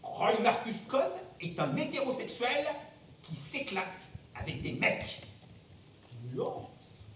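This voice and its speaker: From far off in an echoey theatre comes an arrogant, blustering power broker. He declaims slowly and emphatically, in a very high voice full of angry denial. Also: sing-song, heavily acted. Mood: insistent, proud. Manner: emphatic, declamatory, bursts into shouting. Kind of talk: theatrical stage monologue. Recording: distant mic, very echoey theatre, rumbling noise.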